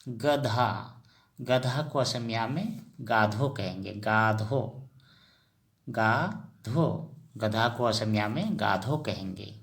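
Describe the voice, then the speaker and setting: A man teaching vocabulary in Hindi, repeating each word slowly and asking and answering his own questions as he addresses viewers as friends. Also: on the low side, vocal fry, a bit bright. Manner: slow and repetitive, drills each word. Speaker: language teacher.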